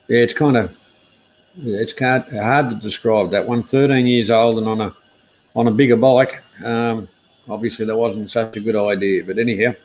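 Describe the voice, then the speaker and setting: A man's voice: fairly low pitch, steady tone, normal speed, darkish tone, rough recording. An Australian man hosting a casual live stream news chat, speaking in a laconic, hesitant, easygoing outback drawl.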